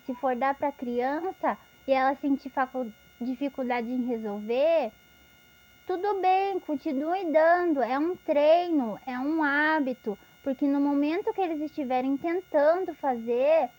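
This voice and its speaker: A woman's voice: high voice, measured pace, a little mellow. A woman giving an instructional lesson, patiently explaining step by step with examples. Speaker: teacher.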